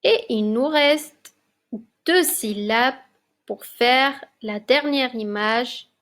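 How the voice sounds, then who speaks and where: A woman teaching young children a spelling lesson, reading words slowly and clearly and encouraging the class. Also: a little high, a bit bright. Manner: slow, clearly articulated, encouraging. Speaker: primary school teacher. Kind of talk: slow, deliberate classroom dictation. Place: classroom recording for remote lesson.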